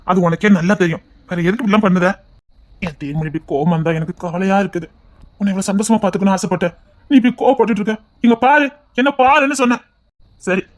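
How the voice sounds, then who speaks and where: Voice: medium pitch, no room sound, lightly acted. A performer playing a doting young husband who pleads with and sweet-talks his sulking wife, with a Tirunelveli Tamil accent. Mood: teasing. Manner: pleading, sweet-talking, teasing with pet names. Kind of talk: audio drama acting.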